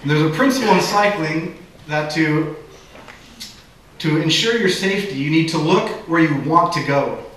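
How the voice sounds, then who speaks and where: A man's voice: fairly high pitch, moderate pace, a little hiss or hum. A man from the Bay Area giving a commencement speech at a graduation ceremony, with a joking delivery. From San Francisco Bay Area. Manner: warm joking delivery with audience laughter. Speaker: commencement speaker. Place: large hall at a graduation ceremony. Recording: echoey hall, distant mic.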